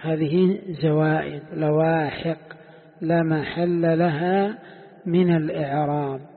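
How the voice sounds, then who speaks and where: A sheikh teaching a classroom lesson, quizzing his students and slowly repeating the key points. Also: a little high, fairly even intonation. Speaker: sheikh teaching Quran commentary. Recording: echoey hall, tinny phone-like sound.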